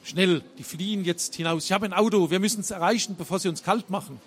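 A man's voice: high voice, quick pace, a little hiss or hum, natural voice. A man voicing a tough woman police lieutenant on the run, talking urgently. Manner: urgent, clipped.

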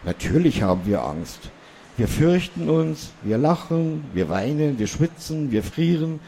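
A man's voice: fairly high pitch, very animated, unhurried, dark tone, slight background noise, voice pushed up. A man voicing a small, cheeky old male dwarf who lectures humans about themselves. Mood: lecturing.

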